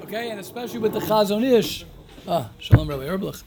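A man's voice: high voice, lively intonation, fast, mellow, a little hiss or hum. A man teaching an informal religious class, reading aloud and commenting emphatically, repeating phrases and asking rhetorical questions. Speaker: rabbi teaching a daily class.

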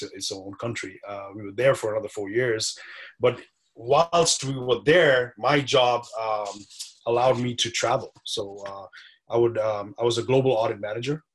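A man talking casually as a podcast guest, an animated storyteller who laughs often. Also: lowish voice, husky. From Dubai. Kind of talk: casual interview chat.

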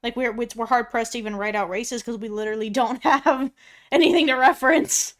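A woman's voice: fairly high pitch, fairly quick. A woman co-hosting a podcast, chatting casually with lots of fillers. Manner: filler-heavy, laughs often. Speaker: podcast co-host.

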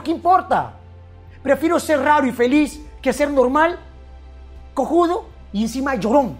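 A man giving an impassioned motivational speech, swinging between loud bursts and hushed, intense lines. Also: very high-pitched. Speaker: motivational speaker.

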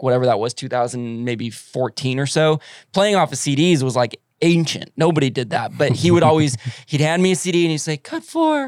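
A man's voice: mid-range voice, no echo, clean studio sound. A man hosting a podcast in casual chat, talkative and self-deprecating, laughing often as he goes. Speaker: radio board operator and podcast host.

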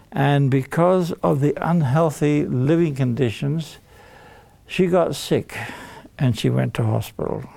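Slow, gravelly man telling children a story. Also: mid-range voice, darkish tone, no echo. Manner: simple, deliberate explaining to children.

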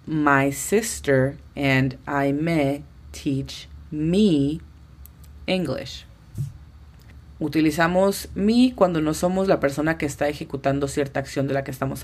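A woman's voice: low voice, darkish tone. A woman teaching English on a podcast, patiently explaining step by step and spelling out pronunciations. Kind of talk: podcast language lesson.

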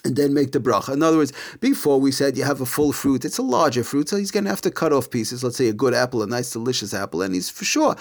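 A man's voice: mid-range voice, very animated, quick pace, few pauses. A man giving an informal religious lesson, explaining a text and often rephrasing his points as a teacher.

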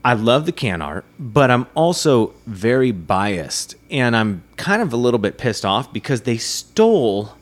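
A man hosting a casual podcast, chatting and reviewing a beer in a rambling, animated way. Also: mid-range voice. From United States. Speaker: podcast host.

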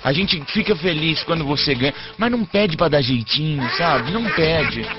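A man hosting a call-in radio show, animated and prone to bursts of mock outrage. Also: fairly high pitch, moderate pace. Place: radio studio. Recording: dull radio broadcast with music behind.

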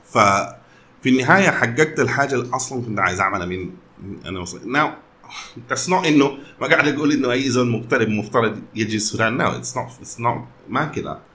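Fast-talking Sudanese man mixing Arabic and English. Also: mid-range voice, sharp tone. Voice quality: code-switches between Arabic and English. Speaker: company founder.

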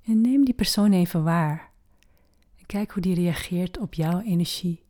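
In a fairly low voice, a woman guides a meditation at a slow, gentle pace with long pauses. Her soft delivery often slips into a breathy near-whisper.

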